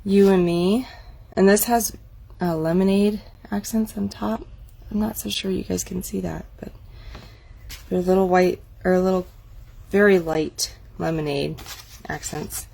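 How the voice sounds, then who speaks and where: A woman's voice: fairly low pitch, steady tone, a little slow, vocal fry, pauses often, dark tone. A woman casually walking viewers through a craft catalog, chatty and admiring, thinking aloud as she goes. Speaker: craft demonstrator. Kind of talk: casual product walk-through.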